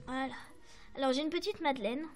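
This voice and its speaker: High-voiced French woman chatting about crafts. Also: a little fast. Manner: chatty, hesitant, many fillers and apologies. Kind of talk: casual show-and-tell to camera.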